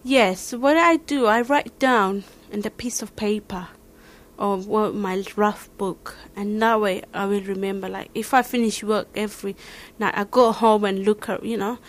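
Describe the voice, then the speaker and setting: A woman from Somalia with a Somali accent, answering interview questions in halting, searching English. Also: mid-range voice, steady tone. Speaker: learner interviewee.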